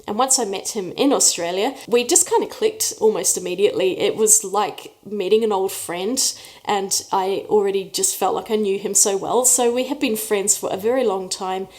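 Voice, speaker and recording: Away from her usual studio, a woman in her 40s from New Zealand, an art YouTuber, tells stories with frequent laughter during a casual Q&A vlog. She has a medium pitch and a darkish tone.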